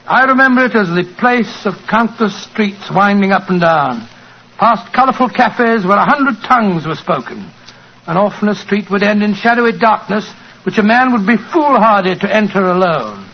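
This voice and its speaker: An actor playing a genial, gentlemanly English doctor and storyteller with a British accent, in 1940s radio style. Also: male voice, sits high, lively intonation, normal speed. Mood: genial, reminiscing. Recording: muffled 1940s radio recording.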